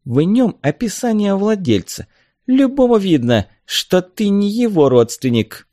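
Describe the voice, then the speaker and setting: A man voicing a haughty, angry woman in a storybook reading, sharp and scornful. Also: mid-range voice, sing-song, takes it slowly, dry recording, studio quality, pitched above the performer's own voice.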